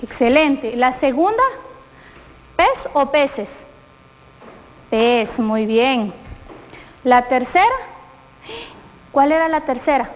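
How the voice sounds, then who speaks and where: Slow, high-voiced Guatemalan woman teacher. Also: big-room sound, low-quality recording. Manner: slow, questioning the viewers often. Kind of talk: televised classroom lesson.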